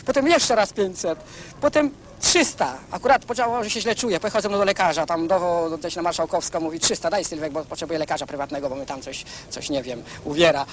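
A man's voice: on the high side, fast talker, slight background noise. A man in a 1970s newsreel recording gives a rambling spoken account as an interviewee, often saying "prawda" and restarting his sentences. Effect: 1970s newsreel sound recording.

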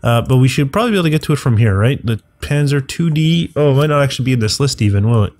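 A man's voice: medium pitch, expressive, racing, darkish tone, dry recording. A man hosting a gaming channel, congested from the flu, rambling and correcting himself as he talks through a video game. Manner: rambling, self-correcting, thinking aloud. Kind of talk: casual gameplay commentary.

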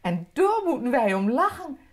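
A woman with a Drents accent voicing a kind, amused gnome mother who speaks in a warm, motherly way. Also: sits high, very animated, normal speed, voice pushed up.

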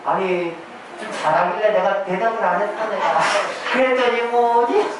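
A man's voice: high voice, normal speed. A man leading a clapping game for older women, chanting rhythmic calls and teasing them playfully. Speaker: senior recreation instructor. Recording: very echoey room, far from the mic, noisy.

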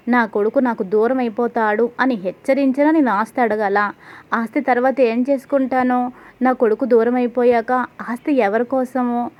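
A woman's voice: fairly high pitch, dull audio, close to an everyday voice. A woman voicing an angry, hurt middle-aged mother who scolds, read in a level tone.

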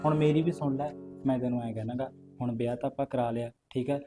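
An actor playing a scheming young man in a Punjabi village drama, hiding a secret marriage and urging others to keep quiet. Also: mid-range voice, fairly even intonation, fast, soft background music, natural voice. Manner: pleading, hushing, urgent. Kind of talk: rural village drama acting.

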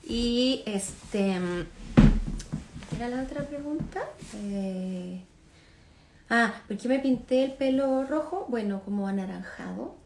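A woman in her thirties chatting casually with fans on a phone livestream from her living room, relaxed and chatty, laughing often and trailing off with fillers. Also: a little high, slow pace, long pauses, heavy background noise. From Chile. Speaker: singer answering fans on a livestream. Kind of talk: casual chat reading comments. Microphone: phone camera at arm's length.

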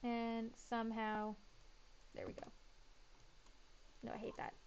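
A woman's voice: a little high, monotone, takes it slowly, lo-fi sound, noisy background. A woman giving casual gameplay commentary, chatting and muttering to herself as she builds. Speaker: gaming YouTuber.

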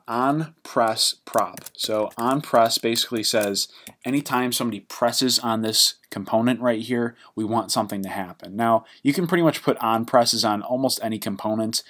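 Lower-voiced man talking through code. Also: fairly bright tone. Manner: casual, halting, many fillers and restarts. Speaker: programming instructor. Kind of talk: screen-recorded coding tutorial.

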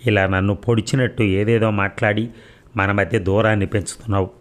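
A man's voice: lowish voice, steady tone, a little fast, natural voice. A man voicing a defensive, self-pitying middle-aged mother who complains plaintively in a read audio story.

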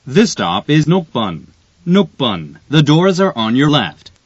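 Very slow man's train announcement. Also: fairly high pitch, sing-song, no echo. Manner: formal, deliberate, clearly enunciated. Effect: train announcement over onboard speaker. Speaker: subway announcer. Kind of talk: recorded onboard train announcement. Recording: dull, dry lo-fi recording.

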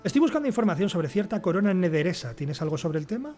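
Man, Castilian Spanish accent, slightly high voice, casual game commentary, reads aloud, background music. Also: big pitch swings, quick pace, darkish tone. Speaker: gamer playing and commenting.

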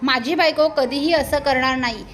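A firm young husband, as a woman narrator voices him, standing up for his wife. The voice stays high and plain. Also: moderate pace, fairly bright tone, slight background noise. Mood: protective.

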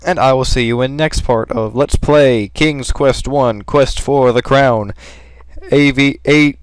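A man's voice: mid-range voice, slow, no echo. A man casually commentating as he plays a computer game, making sarcastic, joking asides into a close mic. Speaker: let's play host.

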